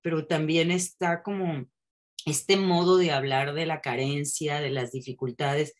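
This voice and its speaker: Low-voiced woman, candid chat. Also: steady tone, measured pace. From Mexico. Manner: candid, frequent tag questions, restarts and swearing. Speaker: podcast guest. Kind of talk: casual conversational chat.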